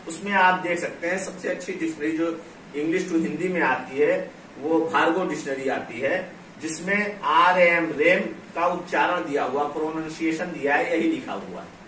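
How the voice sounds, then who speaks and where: A man teaching English pronunciation and grammar, explaining slowly, repeating key words and spelling out letters. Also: fairly high pitch, fairly bright tone. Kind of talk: classroom-style explanation at a board. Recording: echoey room, from a distance, faint noise.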